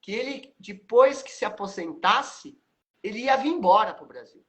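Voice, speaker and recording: A man's voice: high voice, expressive, moderate pace, a bit bright. A Brazilian man in his fifties with a Brazilian Portuguese accent, hosting a live stream and telling stories animatedly, acting out the dialogue with frequent tag questions. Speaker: host, aikido teacher.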